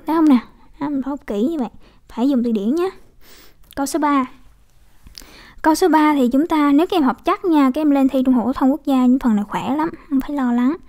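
A woman's voice: sits high, a little mellow. A woman English teacher explaining pronunciation casually, repeating model words and checking with her students. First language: Vietnamese.

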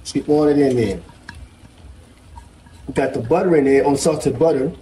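A man's voice: medium pitch, normal speed, warm tone, slight background noise, rough recording. A man in his forties giving a casual cooking demonstration in a home kitchen, chatty and explaining each step, on a lapel mic. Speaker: guest cook.

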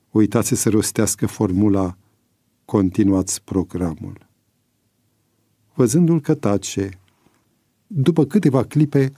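Low husky guy reading a novel aloud, dry close sound, measured and dramatic. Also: mellow, no room sound. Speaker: narrator.

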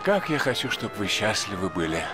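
Gentle old Grandfather Frost, film, hugely varied pitch, courtly, unhurried, music behind. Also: big pitch swings. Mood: gentle, wistful. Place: outdoor winter fair. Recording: film dialogue with music over it.

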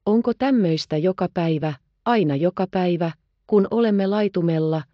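A woman voicing an excitable, tender-hearted little orphan girl in an audiobook, exclaiming and pleading. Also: fairly low pitch, no room sound, muffled recording, natural voice. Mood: eager. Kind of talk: audiobook character reading.

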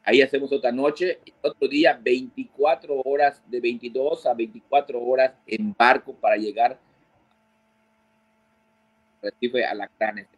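Lively man telling fishing stories. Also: medium pitch, normal speed, slightly rough, dry recording, muffled recording. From Mexico. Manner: animated storyteller who mimics quoted voices. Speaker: guest, fishing guide. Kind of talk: storytelling interview.

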